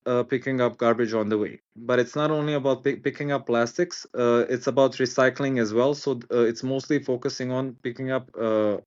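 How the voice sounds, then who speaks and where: A man's voice: medium pitch, highs cut off. A man, a guest in a casual interview, talking hesitantly with many fillers and restarts. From Serbia.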